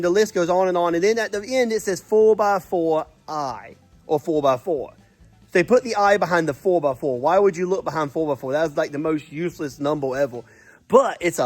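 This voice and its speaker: A man with a Southern US accent talks in a fairly high, congested voice. He rambles like a folksy vlogger showing things to the camera, grumbling and correcting himself as he goes. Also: dry recording. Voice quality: congested, snotty from a sinus infection. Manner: folksy, griping, self-correcting. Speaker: host of an off-road vehicle repair channel. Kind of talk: casual rambling vlog, showing parts to camera.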